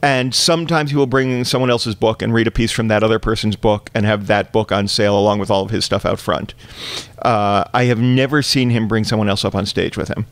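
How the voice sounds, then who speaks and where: A man's voice: lowish voice, steady tone, brisk, no room sound. Guest storyteller, male, dry close sound, wry and precise comic reading. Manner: wry, precise and wordy delivery.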